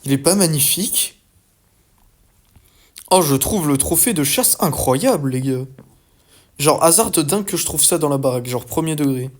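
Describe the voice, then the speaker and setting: Excitable young man narrating his gameplay. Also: on the high side, moderate pace, long pauses. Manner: excitable, swears often, talks to viewers as "the guys". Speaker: gaming YouTuber. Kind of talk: casual let's-play commentary.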